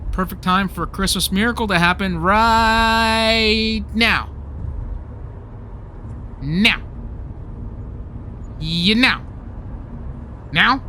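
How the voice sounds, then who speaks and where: In a comedy radio play, an actor voices a young, theatrical, self-absorbed comic-book fan who talks in a whiny, jokey way, sounding scheming and eager. The male voice sits on the high side with lively intonation and a bright, forceful tone at normal speed, over slight background noise.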